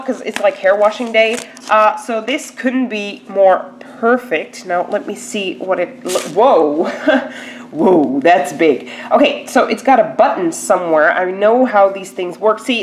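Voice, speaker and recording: Stuffy from a cold, this woman talks to the camera while opening a beauty box, chatty and leaning heavily on "like" and "um." She has a mid-range voice, and there's a little hiss or hum in the recording.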